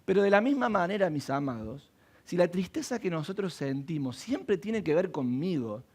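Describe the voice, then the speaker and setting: A man preaching from the pulpit, his voice gravelly with a lot of fry and sitting somewhat high for a man. He keeps putting rhetorical questions to his listeners. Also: very animated, moderate pace, darkish tone. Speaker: pastor. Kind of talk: sermon. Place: church.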